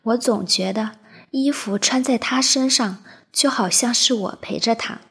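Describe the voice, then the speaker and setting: A woman narrating an emotional first-person story in a soft, half-whispered voice over faint background music. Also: on the high side, unhurried, slightly rough.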